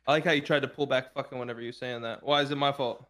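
A man's voice: mid-range voice, steady tone, fast talker, fairly bright tone. A man bantering and teasing his friends on a stream. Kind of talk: casual banter.

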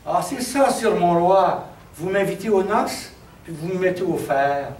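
A bold young folk hero, as a storyteller voices him addresses a king with proud defiance in a Québécois voice. It sits somewhat high and echoes, caught from afar. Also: expressive, normal speed, darkish tone, lightly acted. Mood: indignant. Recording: roomy, distant mic, faint background.

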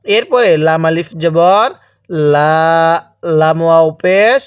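A man's voice: a little high, takes it slowly, clear, resonant tone, dry recording, highs cut off. A man teaching Arabic letter reading in a lesson, with a Bangladeshi Bengali accent, drilling syllables one by one. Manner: drills syllables, repeating each one for the learner. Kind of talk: slow recitation lesson.

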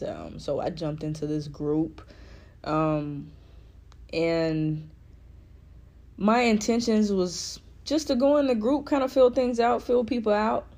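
A woman with a low, mellow voice tells a story on a casual podcast. She is playful and expressive and lingers on her words for effect. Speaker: podcast co-host.

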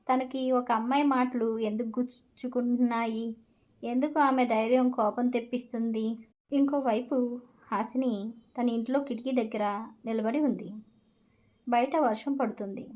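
A woman's voice: a little high, darkish tone, rough recording. A woman narrating a dramatic love story in short, scripted sentences.

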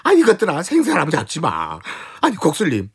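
A man's voice: on the high side, huge pitch swings, a little fast, gravelly, slightly rough, heavily acted. Man doing a wailing, servile commoner. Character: whining hapless commoner man, servile and fretful. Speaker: radio comedy actor. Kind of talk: radio comedy sketch acting.

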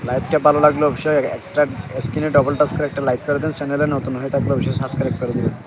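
Bangladeshi man, live vlog host, quick pace, casual repetitive commentary, noisy open-air beach recording. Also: medium pitch, level tone. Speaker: livestream host. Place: outdoors on a sea beach. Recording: noisy outdoor live stream. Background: outdoor ambience, sea waves.

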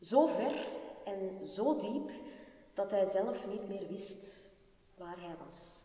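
Slow expressive woman storyteller. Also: mid-range voice. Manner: slow, expressive, drops to near-whisper. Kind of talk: live storytelling performance. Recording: far-off voice in a reverberant hall.

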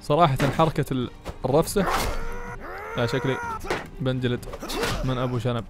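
A man giving excitable let's-play commentary, cursing enemies and cheering allies. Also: mid-range voice, moderate pace. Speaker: gaming YouTuber. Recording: music playing behind.

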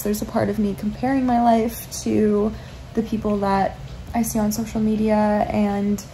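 A woman in her twenties, a vlogger, lies in bed and talks casually about her life to a phone camera held at arm's length. She is soft-spoken, reflective and meandering in this confessional chat, with a medium-pitched voice, a rough recording and slight background noise.

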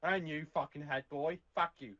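A man's voice: fairly high pitch, fairly even intonation, moderate pace, sharp tone, dull audio. A man playing a rowdy, foul-mouthed heckler who jeers and curses in a roleplay. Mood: jeering. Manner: crude, jeering, curses constantly.

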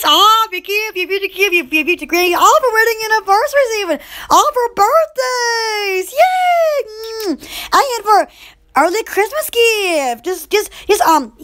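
A young woman with a Southern accent, chatting excitedly on a live stream from her bedroom, squealing and rambling. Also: extremely high pitch. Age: young adult. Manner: giddy, squealing, repeats herself, rambling. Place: small bedroom indoors. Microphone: webcam close up.

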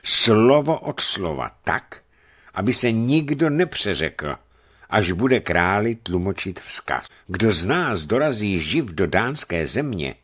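A man voicing a tall, serious older leader who speaks in a measured, persuasive way. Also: lowish voice, big pitch swings, fairly bright tone, slightly rough, voice pushed up, heavily acted. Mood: grave. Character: tall, grave older male leader, careful planner.

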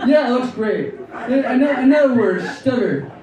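A man doing an open-mic stand-up set on a club stage, talking in a halting, rambling way with many restarts. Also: very high voice, big pitch swings. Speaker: stand-up comedian. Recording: distant, echoey club with loud crowd. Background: audience laughter.

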